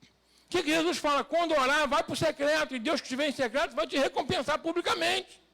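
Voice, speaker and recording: A man's voice: extremely high pitch, brisk, vocal fry, bright, forceful tone. A male pastor delivering a sermon, peppering it with rhetorical questions to the congregation and rising to emphatic, raised passages.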